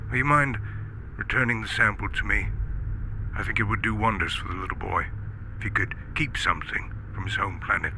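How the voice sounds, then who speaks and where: A man as a low-voiced, kindly space captain. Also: a little fast, pushed and bright, slight background noise. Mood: gentle, earnest. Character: kindly, hopeful male space rocket captain. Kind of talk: retro radio space-adventure acting. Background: music.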